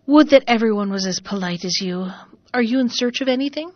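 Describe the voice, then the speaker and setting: A woman voicing a very old, wise and kindly woman who speaks in a measured way, in a storybook reading. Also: a little high, animated, no room sound, lightly acted. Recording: dull, dry recording.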